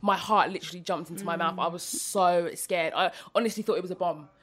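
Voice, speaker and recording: Fast-talking London woman chatting casually. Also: on the low side, steady tone, a bit bright. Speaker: podcast co-host. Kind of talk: casual animated group chat.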